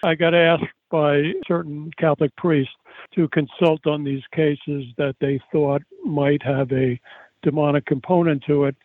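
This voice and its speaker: A man's voice: on the high side, steady tone, a little slow, dry recording, phone-quality sound. An older man, a psychiatrist and author, answering interview questions conversationally with discursive, self-correcting explanations and anecdotes.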